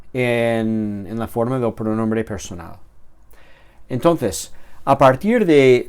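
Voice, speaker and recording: Slow, methodical male teacher. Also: medium pitch. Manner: slow and explanatory, with fillers and restarts. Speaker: Greek teacher. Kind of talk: recorded grammar lesson.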